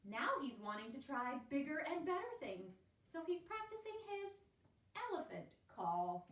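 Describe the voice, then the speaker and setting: High-voiced, encouraging music teacher woman. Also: very animated, moderate pace. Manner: encouraging, sing-song, talks straight to young children. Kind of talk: live-streamed children's music lesson. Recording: roomy, distant, faint background hiss.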